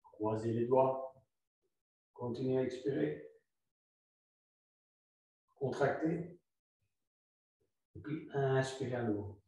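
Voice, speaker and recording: A man guiding a yoga flow class, calm and instructive, repeating his cues slowly. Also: mid-range voice. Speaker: yoga teacher. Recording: very echoey room, voice far from mic.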